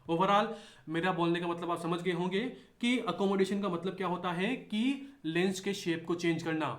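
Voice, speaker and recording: A man giving a medical lecture, repeating key points and asking himself rhetorical questions, mixing English terms into his speech. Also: sits high. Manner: mixes English terms into Hindi. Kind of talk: explanatory lecture. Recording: echoey room.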